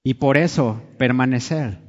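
A man's voice: mid-range voice, unhurried, darkish tone. A man preaching a sermon, talking with the congregation and asking them questions. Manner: conversational, asks the congregation questions. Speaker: pastor. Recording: dull sound with long hall reverb.

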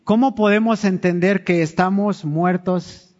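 A man's voice: high-pitched, steady tone, measured pace, a little mellow. A man preaching a sermon, talking with the congregation and asking them questions. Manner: conversational, asks the congregation questions. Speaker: pastor. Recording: dull sound with long hall reverb.

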